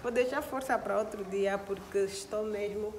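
A woman's voice: mid-range voice, normal speed. Young woman, chatty home vlog, worn out, phone mic with audible background noise. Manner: chatty, addresses viewers as sisters. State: tired. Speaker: vlogger. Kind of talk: casual chat to camera. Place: apartment and plant-filled balcony. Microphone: phone at arm's length.

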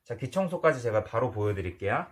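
Man, dog trainer, calm firm instruction, lively pitch. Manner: calm, firm coaching with drawn-out soothing praise to the dog. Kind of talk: hands-on training demonstration.

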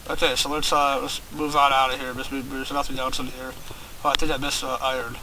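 A man's voice: medium pitch, level tone, a little fast, bright, forceful tone, slight background noise, rough recording. A man giving rambling, casual gameplay commentary, swearing often and talking straight to his viewers. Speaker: let's play host.

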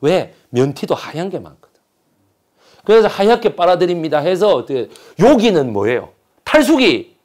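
A man giving a storytelling history lecture, animated and jokey, often asking his audience questions and acting out quotes. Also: a little high, moderate pace, pauses often. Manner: slips into dialect when quoting figures.

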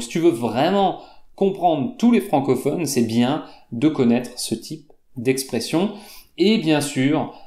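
A man's voice: medium pitch, warm tone. Patient French teacher man, echoey room. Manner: slow, patient, repeats examples, many "euh" fillers. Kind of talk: explaining vocabulary to learners.

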